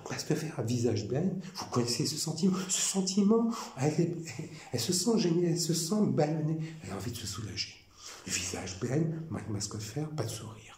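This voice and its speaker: A man from France talking to camera in a rambling, repetitive and animated way. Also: a little high, fairly quick. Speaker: vlogger. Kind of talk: casual monologue. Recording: echoey room with faint noise.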